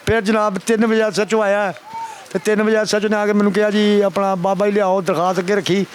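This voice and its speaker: This emotional testimony comes from an older father with a Pakistani Punjabi accent, speaking fast and flatly in a high voice. He pleads with the reporter, repeating himself and often calling him sir. Slight background noise is present.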